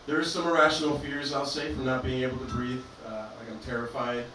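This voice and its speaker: A man's voice: medium pitch, little pitch movement, fairly quick, noisy background. Dry echoey stand-up man, distant mic. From Albania. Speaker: stand-up comedian. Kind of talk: stand-up comedy set. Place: comedy club stage, performing to a live audience.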